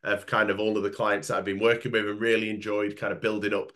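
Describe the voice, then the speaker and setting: A man in his late twenties speaks in a lowish voice that sounds stuffy and nasal from a cold. He talks at length in a webinar, rambling with plenty of fillers and restarts. The voice comes through a video call. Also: flat delivery, quick pace, fairly bright tone. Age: late 20s. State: nasal, congested from illness. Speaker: nutritionist guest. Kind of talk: webinar talk.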